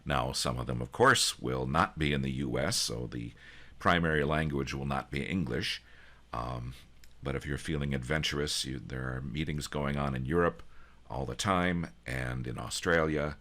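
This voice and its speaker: A man with an extremely deep voice hosts an online meeting over a video call. His tone is bright and forceful despite the low pitch. He talks in a folksy, joking way with plenty of ums and restarts. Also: moderate pace. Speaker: user group organizer and host. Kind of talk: casual online meeting presentation.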